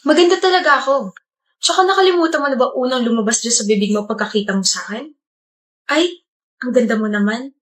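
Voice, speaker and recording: A proud young woman speaks in a blunt, cool, lecturing tone , as a woman acts her out. The voice is on the high side. It is performed in a comedy skit. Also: quick pace, natural voice. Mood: smug.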